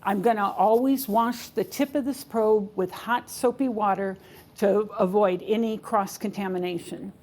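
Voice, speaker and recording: A woman's voice: medium pitch, fairly even intonation, unhurried, darkish tone. A woman giving a spoken how-to demonstration in a kitchen, explaining each action step by step in an instructive way. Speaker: instructor demonstrating a kitchen aid for people with sight loss. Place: home kitchen.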